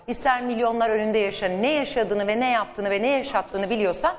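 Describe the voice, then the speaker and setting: A woman's voice: on the high side, a little fast, slight background noise. A woman hosting a daytime talk show, pressing her guests with direct, probing questions. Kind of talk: confrontational studio talk show.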